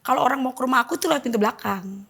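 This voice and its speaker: A woman's voice: high voice, very fast, gravelly, fairly bright tone, slightly rough. A woman giving an emotional personal testimony in an interview, vividly retelling events and acting out the dialogue. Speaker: testimony guest.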